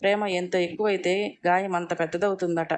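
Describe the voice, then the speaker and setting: A woman's voice: on the low side, steady tone, normal speed, natural voice. A woman voicing a playful, teasing young sister-in-law in a storybook reading. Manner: mocking, playful.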